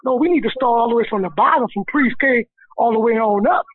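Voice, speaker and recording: A man's voice: extremely high pitch, brisk, breathy edge, dry recording. A man calling in to a radio show over the phone, talking in a casual, drawling way. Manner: casual, drawling, repeats himself. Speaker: caller. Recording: tinny phone line.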